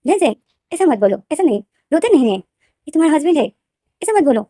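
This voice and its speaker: A woman doing a calm, teasing older brother. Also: very high voice, a little fast, no echo, studio quality, voice pushed up. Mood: soothing. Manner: soothing, amused.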